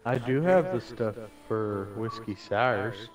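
A man gaming with a friend, speaking quietly and laid-back, away from the microphone. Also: lowish voice, takes it slowly. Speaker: co-player. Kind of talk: casual gaming chat. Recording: noisy stream audio, voice from off-mic.

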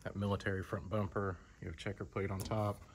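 Deep-voiced guy showing off a truck in a big showroom, easygoing, lots of ums, faint clicks in the background. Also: fairly quick, a little hiss or hum. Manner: relaxed, conversational, lots of fillers. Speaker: car dealer. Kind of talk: casual walkaround sales tour. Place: large indoor car showroom.

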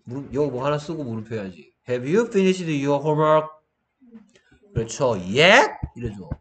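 A male English teacher giving an online grammar lesson, his voice a little strained from shouting, who breaks into exaggerated student exchanges. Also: fairly high pitch, measured pace. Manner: animated, acts out student exchanges in a raised voice.

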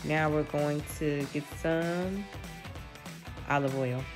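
A young woman with a low voice chats casually into a handheld phone camera in her home kitchen. She is playful and pokes fun at herself as she goes. Upbeat pop music plays clearly under her voice. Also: takes it slowly. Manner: chatty, playful, self-mocking. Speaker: vlogger and mother. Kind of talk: casual cooking vlog chat. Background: background pop music.

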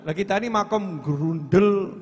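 A man preaching a sermon. He chants lines of devotional poetry between plain explanations and swings between loud cries and quiet, low asides. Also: measured pace, slightly rough, in a large hall.

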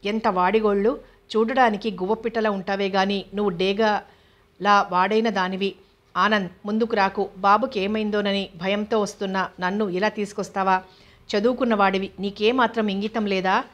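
A woman's voice: medium pitch, fairly even intonation, moderate pace, dull audio, natural voice. A woman voicing a frightened but defiant young wife in a storybook reading, scolding and pleading. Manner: pleading then fiercely scolding.

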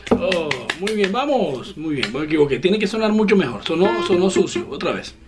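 A man's voice: sits high, big pitch swings. Encouraging man teaching guitar. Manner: patient, encouraging, speaks directly to the student; slow, step-by-step instruction. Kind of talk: online guitar lesson. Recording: loud guitar playing behind the voice.

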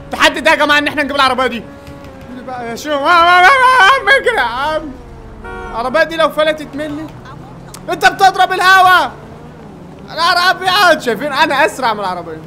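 Egyptian-accented male gaming creator, very high bright voice, rapid excitable play-by-play commentary. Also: soft background music. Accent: Egyptian Arabic. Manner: excitable, yells at game characters. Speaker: gaming YouTuber.

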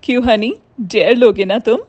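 A woman's voice: a little high, normal speed, a little mellow, lo-fi sound, close to an everyday voice. A woman doing a teasing college girl. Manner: playful, teasing.

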